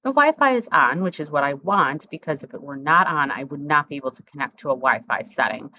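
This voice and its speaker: A woman instructor talking through a software tutorial step by step, in a conversational, explanatory way. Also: low-pitched, lively intonation, brisk, muffled recording, slight background noise.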